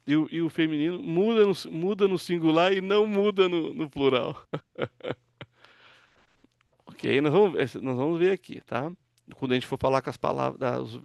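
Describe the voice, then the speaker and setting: A pastor teaching an online Hebrew class, patiently walking students through word forms and asking them to read aloud. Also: male voice, fairly high pitch, creaky, a little mellow, no room sound, dull audio. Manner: patient, explains step by step, asks students to read.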